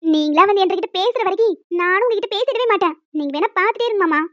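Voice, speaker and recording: A woman's voice: very high voice, fast, fairly bright tone, no echo. A woman voicing a clingy young village wife who pleads and sulks in an audio romance drama. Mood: defensive. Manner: emotional, pleading, chatty. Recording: dull dry lo-fi recording.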